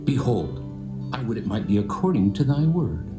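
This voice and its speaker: Man playing older biblical herd owner, wheedling, hugely animated pitch swings, echoey room, guitar music clearly behind. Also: normal speed, natural voice. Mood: entreating. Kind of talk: dramatised scripture reading. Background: plucked guitar music.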